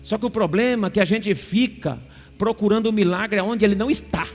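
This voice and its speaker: A male pastor with a high voice preaches in a large church. He tells his story with animation and acts out the lines of the people in it. His voice carries a long reverb, and soft music plays underneath. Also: brisk. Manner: animated storytelling, acting out dialogue. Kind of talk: sermon with personal testimony.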